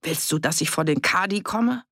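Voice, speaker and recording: A nervous village man who keeps his gravelly voice low and hushed, sliding into whispers as a reader puts him on. Recorded close and dry for an audiobook. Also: moderate pace, dry recording. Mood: anxious. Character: anxious village man, quiet and warning.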